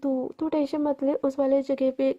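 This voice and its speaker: A soft-spoken, heartbroken young woman, as a woman narrator puts her on. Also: high voice, flat delivery, moderate pace, lightly acted. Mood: wistful. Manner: soft, wistful. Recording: muffled lo-fi recording.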